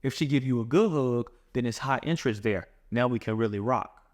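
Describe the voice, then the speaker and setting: A man's voice: mid-range voice, brisk. A man coaching other men on dating in a blunt, slangy monologue, calling the listener "bro". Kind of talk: direct-to-camera advice monologue.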